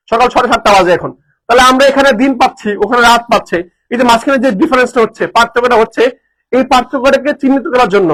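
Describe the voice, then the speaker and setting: Chittagong-guy teaching live, talks super fast and high, keeps repeating answers n quizzing. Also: fairly bright tone, rough recording. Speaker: admission coaching teacher. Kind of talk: live online lesson.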